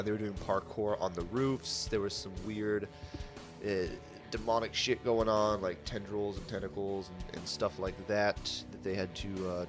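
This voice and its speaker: A man recapping a tabletop game as a player, joking and filling pauses with "uh.". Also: fairly low pitch. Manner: lots of "uh" fillers, joking. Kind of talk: casual recap.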